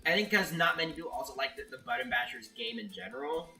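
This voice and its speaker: A man streaming a game and chatting casually with his viewers, his voice bright and a little higher than usual. He stammers and keeps restarting his sentences. He sits a bit back from the mic, with faint music playing behind him. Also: animated, quick pace, distant mic. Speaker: streamer, level maker. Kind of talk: casual live-stream chat, reading viewer chat.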